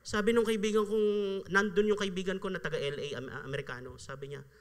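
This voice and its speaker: A man's voice: high-pitched, steady tone, brisk. A man preaching a sermon as a pastor, conversational, acting out the people he quotes and laughing often. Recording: live church sound with long reverb.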